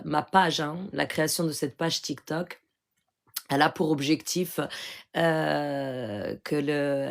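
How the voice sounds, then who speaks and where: A Moroccan spiritual healer speaks casually on a phone live stream in a low, creaky voice. She teaches earnestly and keeps checking in with her listeners by asking "d'accord?".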